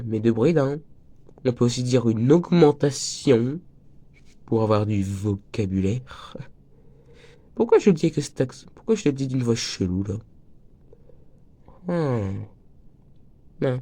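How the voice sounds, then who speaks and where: Chatting casually through a crochet lesson, this teenage boy with a slight cold and breaking voice often strays into jokes. His voice is medium-pitched and dark, with lively intonation, normal speed and long pauses.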